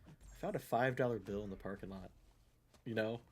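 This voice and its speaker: A middle-aged gaming livestreamer talks into a headset mic in a lowish, brisk voice, with slight background noise. While playing live, he rambles through a casual story, often asking "right?" and "you know?"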